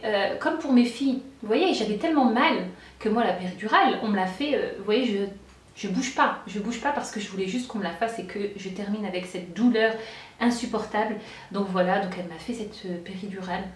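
A woman in her thirties telling a personal story to camera in a casual vlog, animated, acting out quoted lines, with many fillers and restarts. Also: a little high, distant mic. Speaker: vlogger. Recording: roomy echo, away from the mic.

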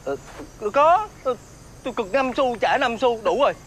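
An actor playing a feckless, cowardly young gambler son in a TV fairy-tale drama, with a whiny, stammering, pleading manner. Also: male voice, extremely high pitch, lively intonation, moderate pace, a crowd in the background.

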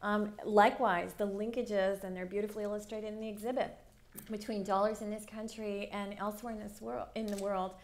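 A woman speaking on a stage panel in a measured way with frequent pauses. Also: mid-range voice, little pitch movement. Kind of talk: panel discussion. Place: large auditorium stage.

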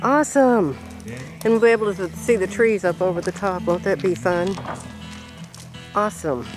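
An older woman vlogs from an outdoor building site, chatting, laughing and exclaiming frequently over music. Her mid-range voice moves at a moderate pace, and the outdoor camera recording is noisy.

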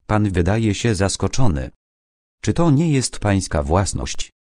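A man voicing a calm, ironic retired detective in his later years, talking in a low, measured, quietly commanding way in an audiobook. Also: no room sound, clean studio sound.

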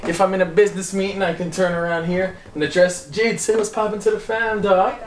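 A man's voice: high-pitched, level tone, brisk, background noise. A young man giving a casual house tour in a vlog, walking from room to room and talking in laid-back slangy banter on a camera mic. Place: rooms of a house, indoors.

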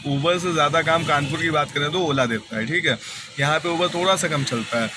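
A chatty young man talks straight to his viewers in a relaxed vlog. He drives for a ride-hailing service, and his voice sits a little high for a man. He keeps calling his audience friends and brothers. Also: fairly quick, background noise. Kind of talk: casual vlog talk to camera.

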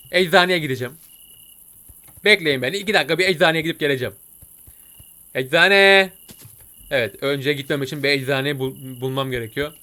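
A man voicing an excitable, jokey male cartoon cat who comments on a game and talks to his viewers. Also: a little high. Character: chatty male cartoon cat gamer, jumpy. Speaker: gameplay commentator. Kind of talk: let's-play commentary.

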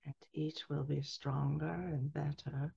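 An older woman channels a spiritual message as a seance medium. Her voice is dark, gravelly and solemn, moving in measured phrases with long pauses. The headset recording is dry and somewhat dull. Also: deep voice, little pitch movement, dry recording. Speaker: trance channeler. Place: small candlelit room indoors. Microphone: headset boom mic.

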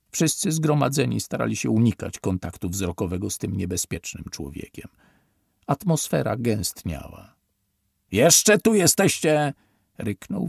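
Brief: male audiobook narrator, husky gravelly voice, dry close recording. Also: sits low, no room sound. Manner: expressive storytelling. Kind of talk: scripted narration of a short story.

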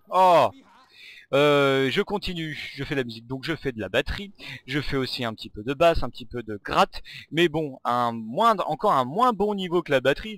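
A man giving live commentary while playing a video game. He rambles, stumbles over his words and breaks into excited outbursts at the game. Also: a little high. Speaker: gamer and channel host.

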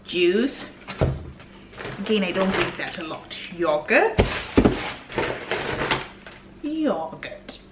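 A woman's voice: on the low side, takes it slowly, pauses often. A woman chatting casually through a grocery haul at home, sometimes dropping to a whisper. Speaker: vlogger. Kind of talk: casual shopping haul chat. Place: home kitchen. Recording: echoey room, far from mic, background noise.

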